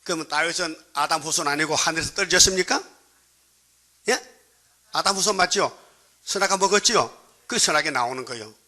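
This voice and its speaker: Bright, forceful Gyeongsang Korean preacher. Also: male voice, on the high side, fairly quick, pauses often. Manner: prods the congregation with constant questions; colloquial, joking preaching. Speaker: pastor. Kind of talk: sermon.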